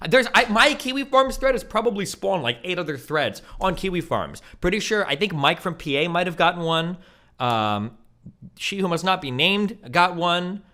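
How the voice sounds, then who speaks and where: A man's voice: high-pitched, big pitch swings, normal speed, pushed and bright. A man streaming live, reacting to a video with exasperated, profane ranting commentary. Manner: ranting, exasperated, swears a lot.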